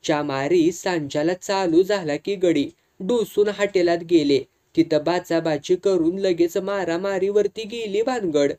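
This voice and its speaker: A reader voicing a calm, blunt older man messenger speaking rural dialect. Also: medium pitch, measured pace, hardly any pauses, close to an everyday voice.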